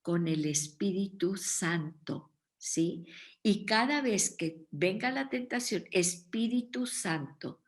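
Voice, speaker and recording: A woman teaching a Bible study in an earnest tone, often pausing to check in with her listeners. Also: mid-range voice, animated.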